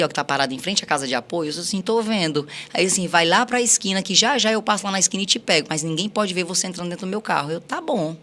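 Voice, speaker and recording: A woman's voice: lowish voice, fairly bright tone. A woman on a podcast recounting her life story, acting out quoted dialogue with many repeats.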